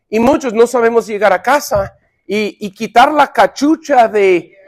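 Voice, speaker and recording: High-voiced man teaching married men. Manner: halting, many fillers and repeated words; playful, acts out quips for laughs. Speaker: pastor leading a men's Bible study. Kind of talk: sermon lesson to married men.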